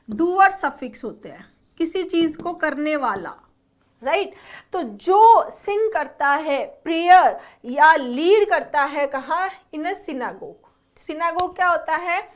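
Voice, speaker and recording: A young adult woman teaching an exam-prep vocabulary lesson, explaining word roots and checking in with her students as she goes. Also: sits high. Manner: explains and quizzes students with repeated check-ins; mixes English words into her talk.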